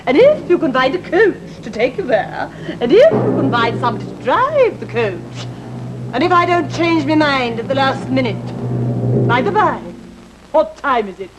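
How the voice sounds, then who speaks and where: A haughty fairy-tale stepmother, high-pitched and theatrical. Her condescending, falsely sweet delivery swings widely in pitch, as she schemes in a comic television tale. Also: sing-song, moderate pace, over music, low-quality recording. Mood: mocking.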